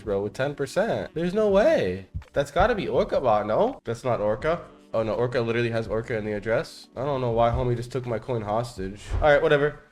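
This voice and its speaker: A young man talking like a frat bro in casual livestream commentary, full of slang, swearing and hyped-up phrasing. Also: medium pitch. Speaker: live-streaming crypto trader.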